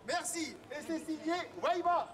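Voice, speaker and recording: Very high-pitched male town crier, declaiming outdoors. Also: unhurried, very noisy. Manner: declaimed, projected public crying. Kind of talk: town crier proclamation, reading out messages and announcements to a street crowd. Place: outdoors in an urban street. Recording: outdoor street recording with crowd. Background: crowd and street sounds.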